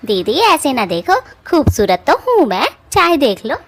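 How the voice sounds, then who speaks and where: A woman's voice: high voice, very animated, normal speed, vocal fry, exaggerated voice. A woman voicing a boastful, quarrelsome bald female witch in a cartoon story, with a mouthy, taunting village way of talking. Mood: boastful, defiant. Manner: mouthy village taunting speech, whiny when scared. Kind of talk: cartoon voice acting.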